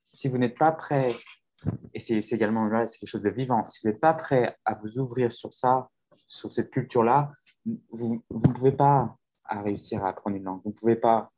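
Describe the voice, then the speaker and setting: A man's voice: mid-range voice, normal speed, darkish tone. A man who teaches languages, talking earnestly in a casual conversation, with many restarts and fillers. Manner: earnest, reflective.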